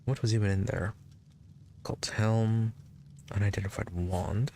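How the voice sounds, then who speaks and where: A man's voice: lowish voice, fairly even intonation, measured pace, warm tone, a little hiss or hum. A man giving casual commentary as he plays through a video game. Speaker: gamer, let's play commentator.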